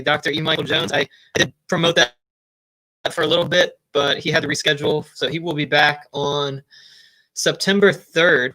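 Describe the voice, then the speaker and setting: A man's voice: a little high, sharp tone, dry recording. A man hosting his own livestream, chatting loosely with many fillers and restarts. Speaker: livestream host. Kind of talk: casual livestream chat.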